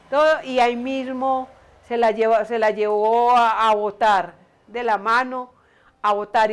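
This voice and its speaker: Older Antioquian woman, smooth voice. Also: fairly high pitch. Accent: Antioquian Colombian Spanish. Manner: meandering, frequent restarts, amused. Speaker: storyteller recalling her mother. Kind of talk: casual oral storytelling.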